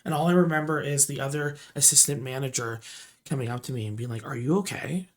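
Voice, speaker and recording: Animated rambling storyteller, mid-pitched voice. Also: fast. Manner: animated, swings between loud emphatic bursts and low murmurs; rambling with frequent "like" and restarts. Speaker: retail store manager telling a story. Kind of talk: storytime vlog.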